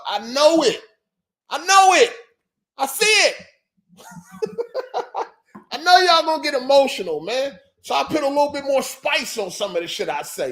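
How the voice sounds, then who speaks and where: A man's voice: high-pitched, a bit bright. A man hosting a casual podcast livestream, talking loosely and profanely and repeating himself for effect. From Philadelphia. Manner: loose, profane, repetitive banter. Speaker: podcast host.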